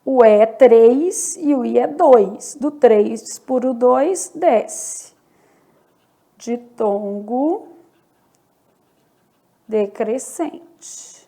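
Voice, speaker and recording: Gravelly-voiced woman teaching slowly. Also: a little high, dark tone. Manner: explains step by step, often checks in with the viewer. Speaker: Portuguese teacher. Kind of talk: online exam-prep lesson.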